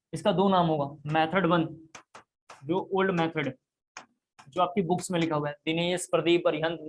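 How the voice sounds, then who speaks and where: A man teaching a chemistry class, explaining step by step and repeating key points. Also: on the high side. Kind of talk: classroom lecture.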